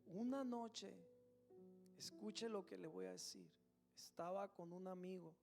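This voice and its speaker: A man's voice: sits high, measured pace, creaky, darkish tone, faint music behind. A man gives a sermon testimony, telling a personal story with animation and often calling his listeners to attention. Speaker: preacher giving a testimony. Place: church service streamed live.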